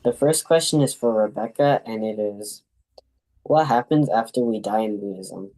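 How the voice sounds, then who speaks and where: A man's voice: lowish voice, normal speed, mellow, rough recording. A young man reading a prepared talk as a student presenter in a class.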